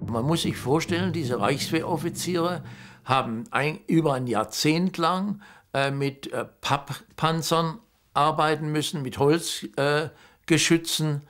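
A man's voice: a little high, unhurried, fairly bright tone, faint music behind. A man in his eighties explaining the past in an interview, emphatic and phrase by phrase. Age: 80s. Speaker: eyewitness interviewee.

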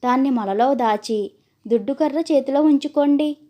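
A woman reading as a cowardly, miserly village merchant in a storybook tale, blustering and then pleading. The voice sits high and soft, mellow rather than bright. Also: moderate pace, natural voice.

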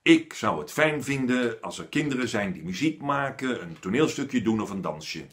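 A man's voice: mid-range voice, moderate pace. A man voicing a kind, patient male schoolteacher with a little beard, friendly and teacherly. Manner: lively, friendly teacherly voice that turns stern.

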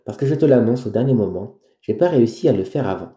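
A man's voice: mid-range voice, expressive, fast, warm tone, close to an everyday voice. A man voicing an embarrassed young woman breaking news to her friend. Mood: hesitant. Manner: hesitant, embarrassed. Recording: roomy echo.

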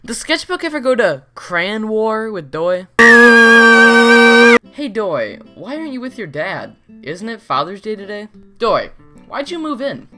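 A woman's voice: mid-range voice, very animated, a little slow, loud music behind the voice. A woman doing a dramatized, playful reading of audience messages for a comic dub. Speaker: reader of audience questions.

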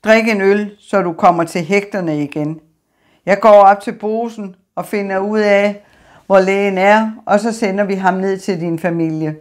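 A woman voicing a practical, steady man who speaks in a calm, reassuring way. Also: medium pitch, natural voice.

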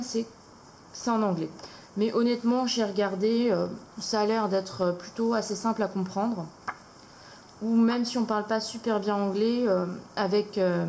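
A woman's voice: mid-range voice, a little mellow, a little hiss or hum, low-quality recording. A woman hosting a casual haul video at home, talking hesitantly with many fillers. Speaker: craft channel host.

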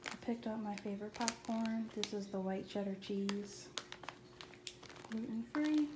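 A woman talks through her grocery haul in a relaxed, matter-of-fact way. Her pitch barely moves. The room rings with echo, and noise sits clearly behind her. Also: unhurried. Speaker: vlogger. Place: home kitchen.

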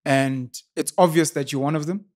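Confident South African man, slightly high voice. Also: normal speed, darkish tone. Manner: confident, expansive storytelling. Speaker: podcaster and YouTuber. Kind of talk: casual interview conversation. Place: studio with sofas, indoors. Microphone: boom-arm podcast mic.

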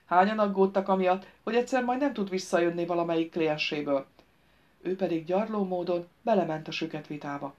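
A woman narrating a novel as an audiobook in a measured storytelling manner, shifting her voice for the characters' dialogue. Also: on the low side, darkish tone, muffled recording.

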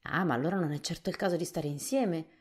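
A woman reading a storybook softly, voicing a thoughtful, worried male scarecrow king. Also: deep voice, fast talker, slightly rough.

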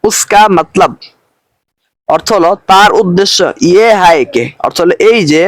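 Male teacher, higher voice, dry close sound, patient and repetitive explanation. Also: expressive, no echo. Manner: slow, patient explanation, repeating each phrase with its translation. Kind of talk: recorded lesson.

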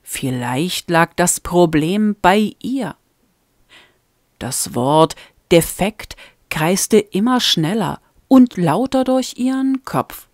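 Slow, deliberate woman reading a story. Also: lowish voice, expressive, a little mellow, no room sound, clean studio sound. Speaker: audiobook reader. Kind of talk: amateur audiobook narration.

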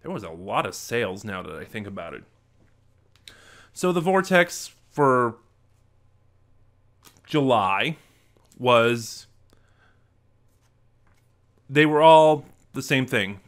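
Speaking slowly with long pauses, a young adult man hosts a laid-back vlog of unboxings and reviews from a small room in his home. His medium-pitched voice has lively intonation, and a desk microphone sits just in front of him as he chats.

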